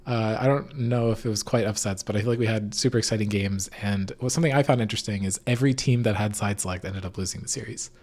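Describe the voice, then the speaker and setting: Talking fast with few pauses, this podcast host has a fairly low, darkish voice. He recaps esports casually and with lots of hedging, and the bare room at home makes the sound echoey and reverberant.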